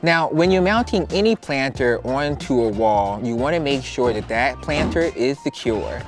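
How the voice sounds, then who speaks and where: A man's voice: mid-range voice, animated, moderate pace, music in the background. Campy, theatrical man hosting a plant makeover. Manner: campy, playful, addresses people as darling and honey. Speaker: houseplant expert and makeover host. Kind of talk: upbeat makeover show presenting.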